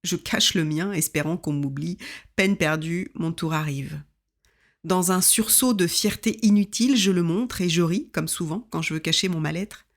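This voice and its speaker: A woman in her fifties reads aloud from her own memoir. Her voice sits a little low, and her telling is measured, intimate and reflective, like someone sharing personal pages with listeners. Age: 50s. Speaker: author reading her own book.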